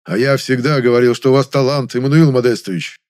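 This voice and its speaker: A man voicing a loud, fawning middle-aged theatre director in an audiobook. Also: mid-range voice, expressive, a little fast, no echo, studio quality, voice pushed up, natural voice. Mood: gushing. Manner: loud, gushing, ingratiating.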